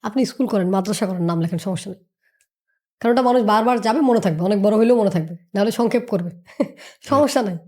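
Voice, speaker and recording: Speaking fast in a mellow mid-range voice, a woman acts as a business mentor on a podcast, delivering motivational business advice. She lectures emphatically, going back over her points and firing rhetorical questions.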